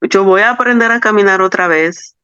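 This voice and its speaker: A woman from El Salvador recounts her personal faith testimony as a guest. Her voice is smooth and resonant, and her earnest telling often repeats key phrases. The recording is dry and a little dull. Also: medium pitch, brisk, pushed and bright, no room sound. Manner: earnest, reflective storytelling with repetition. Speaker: interview guest.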